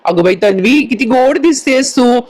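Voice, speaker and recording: A woman's voice: fairly high pitch, expressive, moderate pace, a little mellow, pitched above the performer's own voice. A woman voicing a fussy, scheming middle-aged mother in a serial recap. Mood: fussing.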